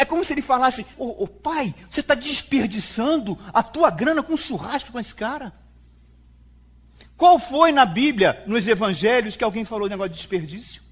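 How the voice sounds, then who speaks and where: A man's voice: sits high, husky. A man with a Brazilian Portuguese accent preaching a sermon as a pastor, speaking emphatically to the congregation and acting out quoted dialogue. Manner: acts out quoted speech in dialogue.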